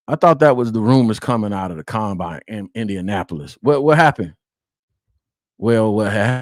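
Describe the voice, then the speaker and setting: A man's voice: on the low side, no echo, studio quality. A man from the Atlanta area hosting a sports show, talking casually and rhetorically and repeating himself for emphasis.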